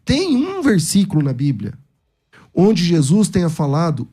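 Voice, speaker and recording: A man's voice: fairly high pitch, unhurried, breathy edge. A man with a Brazilian accent, debating a point of scripture and arguing it with energy. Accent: Brazilian Portuguese. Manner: argumentative, lively, quotes scripture with changing intonation. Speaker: pastor in a debate. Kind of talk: theological debate.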